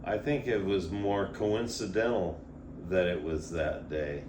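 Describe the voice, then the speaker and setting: A man's voice: sits low, measured pace. An older man reminiscing in a rambling, hesitant way, often trailing off as he tells his story in casual talk. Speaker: storyteller guest. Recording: echoey room, audible background noise.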